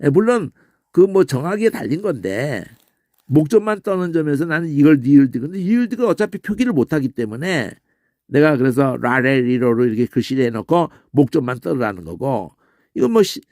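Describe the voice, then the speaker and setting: Lively man teaching pronunciation. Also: a little high, fairly quick, dry recording, studio quality. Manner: demonstrates sounds aloud, frequent "어?" check-ins. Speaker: Bible language teacher. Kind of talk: informal pronunciation lesson.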